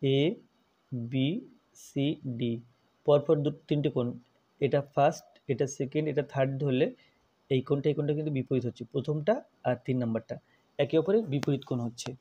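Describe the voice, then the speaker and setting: A man's voice: mid-range voice, a little fast, dark tone, muffled recording. A man teaching a math lesson, working through each step methodically and repeating it as he goes.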